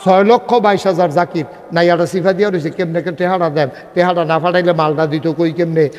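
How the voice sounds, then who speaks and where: A man's voice: a little high, steady tone, brisk, background noise. Rousing preacher man, long reverb. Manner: rousing, prompts the crowd to call back responses; conversational, storytelling with dialogue. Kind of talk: humorous Islamic sermon at a religious gathering.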